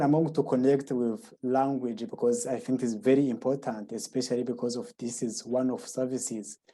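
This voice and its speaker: A young man speaks with a Burundian accent in a very dark, mellow voice at a middling pitch. He presents informally as a guest speaker, feeling his way through non-native English phrasing in a halting manner. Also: rough recording.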